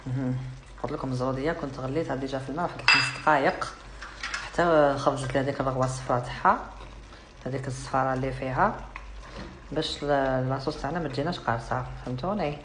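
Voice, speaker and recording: Sassy low-voiced Algerian woman cooking. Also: steady tone, very fast, background noise. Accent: Algerian Arabic. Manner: chatty and sassy, teasing the viewer, slips into French. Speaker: cooking vlogger. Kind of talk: casual cooking demonstration. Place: home kitchen with food frying. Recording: echoey kitchen, loud sizzling pan.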